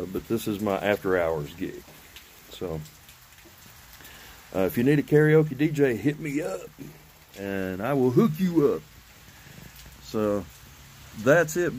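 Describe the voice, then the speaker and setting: A man's voice: mid-range voice, rough recording. A man in his fifties chatting casually and rambling through a vlog, recorded on a phone on a covered porch outdoors. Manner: rambling, loosely organized. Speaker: vlogger. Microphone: phone at arm's length. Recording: outdoor phone recording with steady background noise.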